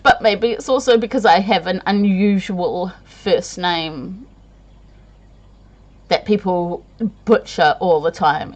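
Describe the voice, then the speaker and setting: A tired woman chatting to camera in a rambling, self-deprecating way, laughing often. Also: mid-range voice. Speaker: vlogger. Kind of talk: casual chat to camera.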